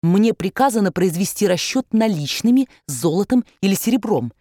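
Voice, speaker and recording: A brisk male bailiff who states terms flatly and curtly, as read by a woman narrator. It stays close to her own mid-range voice. The reading is dry and close. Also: mid-range voice, no room sound, natural voice. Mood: businesslike.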